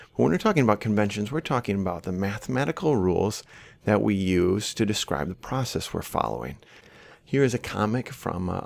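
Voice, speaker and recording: Speaking close to a large desk microphone in a small, book-lined office, a man delivers an instructional university lecture, working through examples. His voice sits lowish with some vocal fry, and the recording has no room sound.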